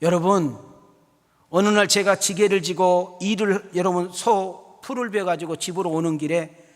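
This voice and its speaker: A pastor preaches in a church sanctuary, shifting between folksy storytelling and rising, emphatic calls. His voice is high for a man and moves at normal speed, with long reverb from the hall trailing each word.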